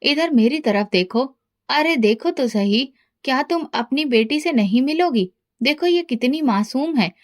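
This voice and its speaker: A tender, coaxing young husband and father speaks gently in a storybook reading, as a woman reads him in her own high voice. His manner stays loving and patient. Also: lively intonation, a little slow.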